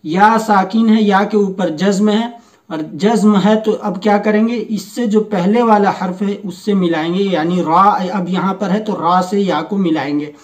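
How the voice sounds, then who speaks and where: A man teaching Quran reading, slowly reading each word aloud and patiently explaining the rules. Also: high voice, far from the mic. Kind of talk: slow step-by-step recitation lesson.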